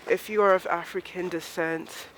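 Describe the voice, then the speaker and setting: A woman's voice: on the low side, fairly even intonation, moderate pace. A chatty woman from Maryland vlogs to a handheld camera as she trudges along a snowy street. She rambles in a self-mocking way and sounds a little out of breath. Faint traffic hums behind her. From Maryland, USA. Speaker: vlogger. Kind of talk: casual walking vlog. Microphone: handheld camera while walking.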